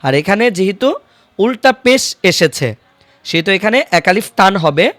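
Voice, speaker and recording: A man teaching Quran reading in an online lesson, patiently spelling out each syllable and repeating it slowly so learners can follow. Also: high voice, animated, fairly bright tone, no room sound.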